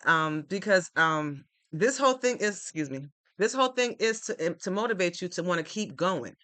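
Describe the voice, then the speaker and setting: This livestream host's voice is high, animated and sharp, moving at a moderate pace with no room sound. He gives viewers earnest, repetitive encouragement rooted in faith in a motivational talk.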